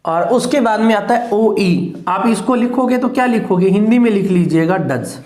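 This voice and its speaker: A man teaching phonetics in a slow lecture. He repeats each sound and keeps asking whether it is clear. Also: high-pitched, animated, a little mellow, echoey room. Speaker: English teacher.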